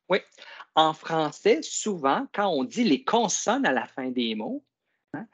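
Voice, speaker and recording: A middle-aged man, giving a classroom reading demonstration in a coaxing, slow teacher voice that stretches key words. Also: medium pitch, gravelly, highs cut off. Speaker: teacher trainer.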